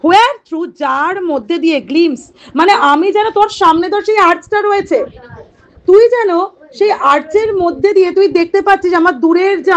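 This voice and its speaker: Female literature teacher, high-pitched, patient classroom explainer. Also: highs cut off. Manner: talks directly to students, asks and answers her own questions; reads poem lines slowly and deliberately. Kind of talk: explaining a poem to students.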